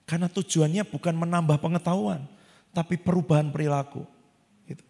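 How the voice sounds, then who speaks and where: A man preaching a sermon as pastor, animated and acting out the people he quotes. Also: on the high side, fairly quick, creaky, husky. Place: church hall. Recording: long church hall reverb.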